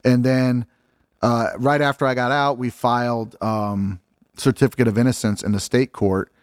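A man's voice: mid-range voice, steady tone, moderate pace, clean tone, no room sound, studio quality. A man guest telling his story in a casual, candid way, swearing freely and using lots of fillers. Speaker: interview guest.

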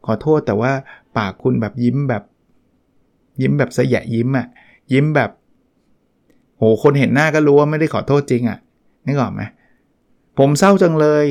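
On his solo book review podcast, a man chats casually and acts out brief quotes. His medium-pitched, darkish voice is creaky, and he moves at a moderate pace with frequent pauses.

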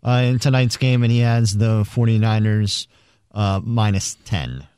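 A man's voice: fairly low pitch, unhurried, darkish tone, slight background noise. A man on a sports radio show explaining a colleague's bets in a plain, hesitant way.

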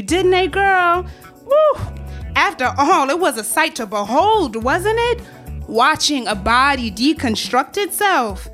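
A woman's voice: sits high, bright, forceful tone, heavily acted. Woman playing a sly, taunting narrator. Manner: teasing, calls listener girl, sing-song swoops. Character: taunting antagonistic female narrator, sly and relentless. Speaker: stage actor. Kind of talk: theatrical poetic monologue.

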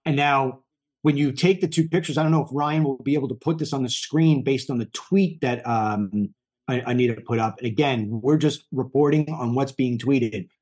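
A man's voice: mid-range voice, moderate pace, darkish tone. A man in his fifties hosting a political news show, talking in a heated, emphatic way and often repeating himself. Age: 50s. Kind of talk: political commentary.

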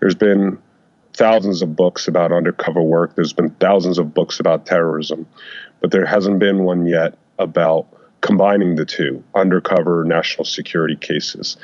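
A man giving interview answers in an electronically disguised deep voice, speaking in measured, hesitant phrases. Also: a little mellow, no echo. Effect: voice disguiser lowering the voice. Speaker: guest, undercover FBI agent and author. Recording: dull lo-fi sound.

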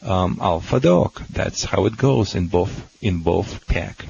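A man's voice: low voice, expressive, slow pace, creaky, a little mellow, slightly rough. A man from Russia with a Russian accent, chatting on the radio in broken English with blunt, folksy pronouncements. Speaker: dog trainer guest. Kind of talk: casual radio chat. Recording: dull, hissy, noisy line.

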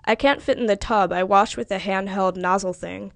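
A woman's voice: mid-range voice, normal speed, gravelly, no room sound, lightly acted. A woman voicing a lonely, weary man who speaks evenly and regretfully, with resignation. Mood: resigned. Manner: even, regretful, hurt.

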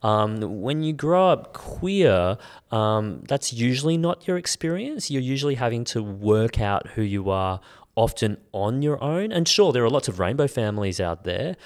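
A man with an Australian accent, a guest author talking in a podcast interview, animated and expressive with frequent ums. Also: mid-range voice, moderate pace.

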